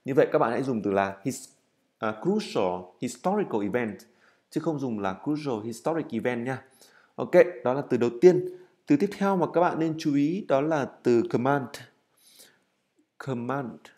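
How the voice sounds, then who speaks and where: A man teaching English in a recorded lesson, explaining step by step while writing, with frequent fillers and self-corrections, and drilling words by repeating them slowly. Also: mid-range voice, animated, a little mellow.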